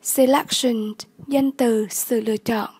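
A high-pitched woman tutor reads out vocabulary at a very slow pace. Her voice is soft, breathy and mellow. The recording is dry and close. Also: steady tone, no room sound. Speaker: English tutor. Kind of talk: vocabulary lesson.

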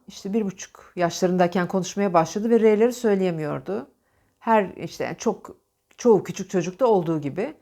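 A woman's voice: medium pitch, darkish tone. A woman with a Turkish accent teaching diction, demonstrating sounds with repeated drills and coaching the viewer directly. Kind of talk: diction lesson with speech drills.

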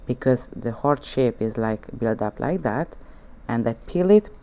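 With an overhead view of her hands at the nail studio desk, a native Hungarian woman gives an easygoing tutorial in her accented English, offering gentle, coaxing directions and regular "okay?" check-ins. Her voice is bass and unhurried.

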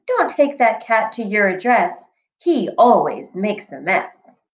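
A woman's voice: mid-range voice, big pitch swings. Pinocchio, a fretful puppet boy, voiced by a woman. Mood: pleading. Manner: pleading, drawn-out. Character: anxious fussy wooden puppet boy. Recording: echoey room, dull lo-fi sound.

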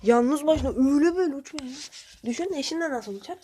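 High-voiced woman chatting casually to viewers. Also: animated, fast talker, dark tone, a little hiss or hum. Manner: chatty, blunt, swears now and then. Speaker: pigeon-keeping vlogger. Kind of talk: casual vlog commentary to viewers.

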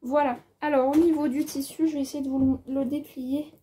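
High, mellow-voiced woman chatting through a haul. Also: little pitch movement, fairly quick, a little hiss or hum. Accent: has an accent of her own. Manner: chatty, thinks aloud while measuring fabric; lots of hesitations and filler words. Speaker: sewing vlogger. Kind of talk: casual haul video chat.

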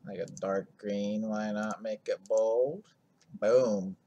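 A man's voice: fairly low pitch, fairly even intonation, takes it slowly, dark tone, a little hiss or hum. A man hosting a screen-recorded coding tutorial, talking in a laid-back, rambling way full of ums and asides.

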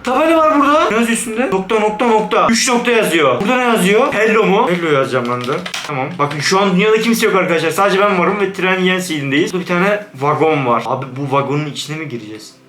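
Jumpy high-voiced man playing a horror game. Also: fast, few pauses, echoey room, slight background noise. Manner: jumpy, exclaims in fright then talks himself calm. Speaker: gaming YouTuber. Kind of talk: horror game let's play commentary.

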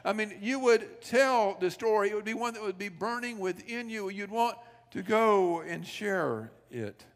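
A man's voice: high voice, lively intonation, unhurried, few pauses. A male pastor preaching a sermon in a church sanctuary, telling stories, asking rhetorical questions and acting out quoted dialogue. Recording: long reverb of a church sanctuary.

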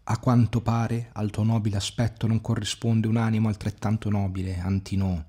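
Man reading old beggar king, quiet dignity, husky voice. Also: fairly low pitch, flat delivery, moderate pace. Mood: cold. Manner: pleading, then cold and commanding.

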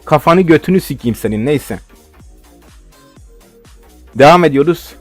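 A young man commenting on his own football game as he plays, with a slightly high voice. He rants and swears nonstop at his opponents. Soft music plays behind him. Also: expressive, measured pace, no room sound. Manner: frustrated ranting, heavy swearing. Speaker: gaming video host.

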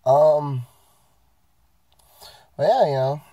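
A vlogger who is getting sick rants casually and profanely to camera about his work week while sitting in his parked car, rambling and mocking himself. His voice is a little high and mellow, animated, with drawn-out words. The recording is muffled, with no room sound.

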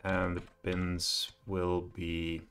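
A man's voice: sits low, completely flat delivery, extremely slow, fairly bright tone, clear, resonant tone, soft background music. A middle-aged man giving a live coding walkthrough from a home office, thinking aloud and hesitating with many fillers. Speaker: programming tutor.

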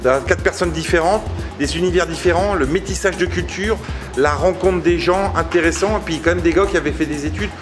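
A man's voice: on the high side, a little fast, music in the background. Joking middle-aged Breton chef, man. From Brittany. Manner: jokey, hesitant, repeats words. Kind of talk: casual interview chat. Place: small restaurant.

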